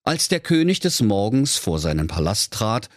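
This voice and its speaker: A man's voice: on the low side, sing-song, normal speed, no room sound, studio quality. A middle-aged man with a Saxon accent narrating a comic fairy tale playfully for children. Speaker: storyteller.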